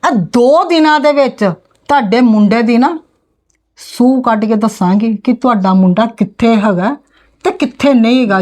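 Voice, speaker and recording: A woman's voice: sits high, darkish tone. A woman playing a fierce protective aunt. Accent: Punjabi. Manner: stern, scolding, defiant. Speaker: bride's maternal aunt confronting in-laws. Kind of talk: amateur family drama acting.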